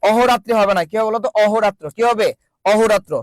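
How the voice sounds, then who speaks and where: Brisk high-voiced male teacher. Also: fairly even intonation, dry recording. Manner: drilling call-and-response, repeats each question. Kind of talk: online grammar class. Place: virtual classroom.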